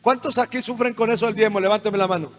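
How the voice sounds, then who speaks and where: A male pastor preaching with passion, swinging between shouts and quiet asides. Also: high voice, steady tone, fast. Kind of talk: sermon. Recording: music underneath, long reverb hall.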